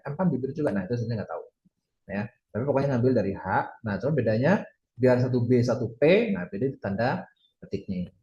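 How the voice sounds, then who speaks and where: A man's voice: medium pitch, a little mellow. Chatty male teacher with a lilt. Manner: chatty, explains step by step with many fillers; sounds out syllables slowly. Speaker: Japanese language teacher. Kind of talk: casual online lesson. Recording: roomy, somewhat dull audio.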